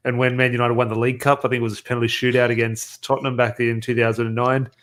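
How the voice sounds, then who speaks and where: A man's voice: mid-range voice, little pitch movement, racing, fairly bright tone. A man, co-hosting a casual football podcast, rambling and often restarting his sentences. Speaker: podcast co-host.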